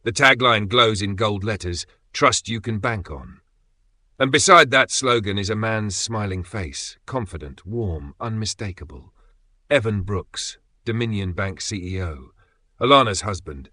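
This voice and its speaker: A man narrating a dramatic story in a steady, measured way with pauses for effect. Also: fairly low pitch, no echo.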